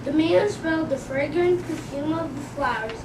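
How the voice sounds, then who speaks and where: Female storybook narrator: very high voice, echoing room, noisy. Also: moderate pace. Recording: noisy, echoey room, far from mic.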